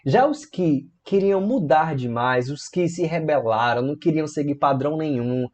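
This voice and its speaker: A man's voice: fairly high pitch, normal speed. A man from Brazil teaching a grammar video lesson, explaining playfully and asking his viewers questions as he goes. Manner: lively, playful storytelling with rhetorical questions. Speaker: English teacher.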